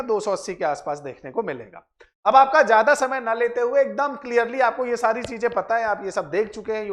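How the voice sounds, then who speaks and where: An exam-prep teacher who also hosts a channel speaks in a medium-pitched, slightly bright voice. He explains things to students, repeats points and checks in with short tag questions.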